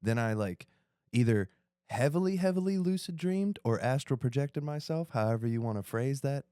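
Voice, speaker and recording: A man's voice: mid-range voice, expressive, moderate pace, mellow, clear, resonant tone, no room sound, studio quality. A man co-hosting a casual group podcast, enthusiastic and full of slang. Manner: enthusiastic, slangy, calls people dude. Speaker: podcast co-host.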